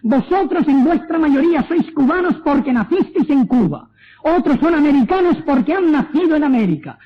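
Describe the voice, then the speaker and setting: A man with a Spanish accent and a very high voice preaches his testimony with earnest conviction, slowing down to stress key points. The sound is thin and tinny, like an old phone-line recording. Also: animated. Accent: Spanish from Spain. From Spain. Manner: earnest, exhorting, slows for emphasis.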